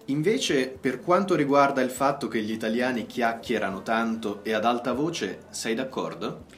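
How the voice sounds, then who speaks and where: A man's voice: mid-range voice, normal speed. A man speaking in a scripted dialogue for language learners, often asking questions. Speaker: dialogue partner in a language lesson.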